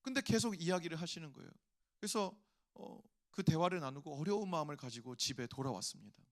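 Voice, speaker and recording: Korean guy pastor giving a sermon, kinda high voice, acts out voices in his story then gets loud and pleading. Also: expressive, fast talker. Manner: storytelling, acts out inner voices, rises to emphatic appeals.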